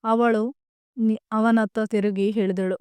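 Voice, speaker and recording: Woman storyteller, smooth resonant voice, dry close mic, gentle even read. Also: on the high side, slow pace, dry recording. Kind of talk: scripted story narration.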